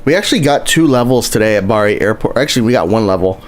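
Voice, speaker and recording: Speaking fast and animated in a lowish voice, this male streamer gives casual commentary on his game. His talk is chatty and rambling, full of restarted sentences and hellos to viewers in the chat.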